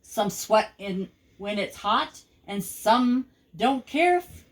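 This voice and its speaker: An older woman recites rhyming verse for children with the measured rhythm of a grandmother at storytime. Her medium-pitched voice is expressive.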